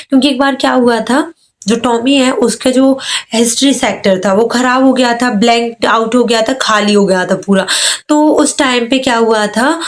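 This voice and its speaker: A woman teacher with a Hindi accent explains an English story, reading lines slowly and then paraphrasing them. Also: on the high side.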